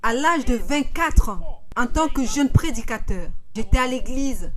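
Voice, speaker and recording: A woman giving the voice-over for a fiery sermon, speaking with slow emphasis and rising into shouted calls to the congregation. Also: high voice, animated. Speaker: preacher voice-over.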